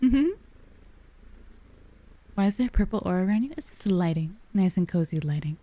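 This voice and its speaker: A woman livestreamer with a soft, cozy storybook voice, chatting casually and affectionately with her viewers, using pet names. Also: medium pitch, expressive, fairly quick. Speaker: livestreamer, VTuber.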